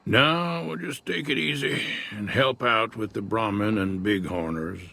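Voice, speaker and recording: An actor voicing a retired old male prospector in a video game, speaking in an unhurried folksy drawl. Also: lowish voice, creaky, pushed and bright, heavily acted. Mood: easygoing. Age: older. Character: weathered old male prospector, laid-back and wary. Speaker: retired prospector in a frontier town.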